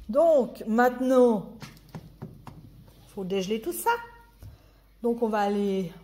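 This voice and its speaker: A woman's voice: fairly high pitch, animated, slow pace, mellow, slight background noise. A woman commenting casually at home during a family treasure hunt, chatty and self-mocking. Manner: chatty, laughs at herself.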